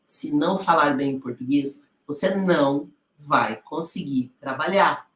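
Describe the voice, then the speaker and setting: A woman's voice: low-pitched, a little slow. Lady voiceover coach lecturing straight at you, lots of questions, kinda echoey room. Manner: direct, asks the listener rhetorical questions; calls the audience "gente" in a familiar way. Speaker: voice-over coach. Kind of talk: online teaching talk. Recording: roomy echo.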